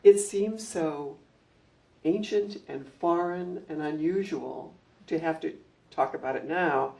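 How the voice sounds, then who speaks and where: An older woman with a deep, gravelly, mellow voice, a former school principal, reminisces about her years in the job at a library community gathering. She tells anecdotes in a measured way, pausing on ums, and the mic picks her up from across the room.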